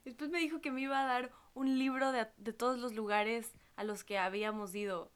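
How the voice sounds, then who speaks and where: A woman's voice: a little high, fairly even intonation, fairly quick, clear, resonant tone. A young adult woman telling a funny personal story in a casual chat, laughing often and dropping in English slang.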